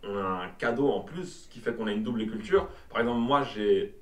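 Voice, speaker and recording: A man's voice: lowish voice, fairly quick, recorded from a distance. Rambling man, roomy and off-mic. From Belgium. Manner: rambling, repeats words while searching for them. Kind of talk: casual chat.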